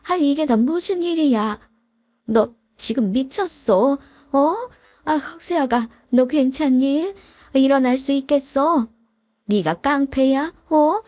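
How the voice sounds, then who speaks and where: A woman voicing an elderly mother-in-law who is shocked and scolding, with shrill exclamations. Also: takes it slowly, darkish tone, dry recording. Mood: alarmed scolding. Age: older.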